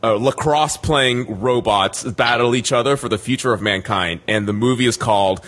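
A man's voice: mid-range voice, moderate pace, a bit bright. A man on a podcast panel in casual chat, rambling and laughing through his own jokes.

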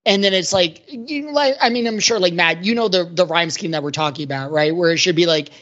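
On a podcast panel, a woman casually critiques song lyrics, hedging her points and leaning often on "like" and "sort of." Her voice is fairly low, brisk and a bit bright, and the sound quality is lo-fi.

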